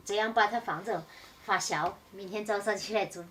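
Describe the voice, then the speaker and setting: A young woman talks in Sichuan dialect at an average pitch, casually explaining as she cooks for a vlog. She sounds a little away from the mic, with faint noise around her. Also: normal speed, fairly bright tone, distant mic. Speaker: vlogger, daughter-in-law cooking. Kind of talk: casual vlog narration and chat.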